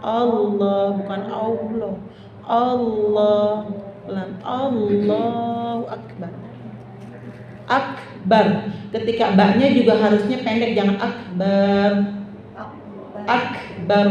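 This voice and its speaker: A woman religious teacher, giving a lesson to women, asking questions and drawing out recited phrases slowly. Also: fairly high pitch, darkish tone, slight background noise. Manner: drawn-out demonstrative recitation, asks the audience questions. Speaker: Islamic teacher. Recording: distant echoey hall, dull lo-fi sound.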